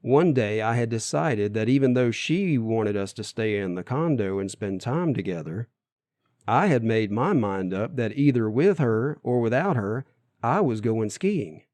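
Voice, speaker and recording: A man's voice: medium pitch, lively intonation, unhurried, darkish tone, no room sound. Earnest man reading his memoir, dry. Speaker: narrator of his own memoir. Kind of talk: audiobook memoir narration.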